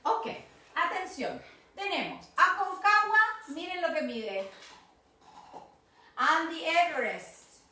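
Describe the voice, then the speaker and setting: A woman's voice: very high-pitched, sing-song, slow, long pauses, bright, forceful tone, very echoey, recorded from a distance. A woman with an Argentine Spanish accent teaching an online English lesson, coaxing and prompting her student, repeating words for drills.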